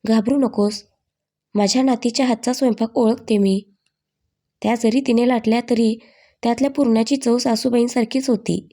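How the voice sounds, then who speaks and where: Storybook grandmother, elderly and shrewd, wry and commanding, gentle mellow tone, put on by a woman narrator. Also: on the high side.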